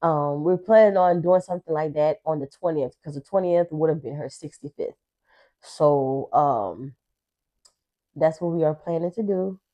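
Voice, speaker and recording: A woman with a low, warm, mellow voice tells a personal story. She speaks haltingly and restarts her sentences often. She sounds emotional, holding back tears. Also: poor audio. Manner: halting, with many fillers and restarts. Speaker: co-host.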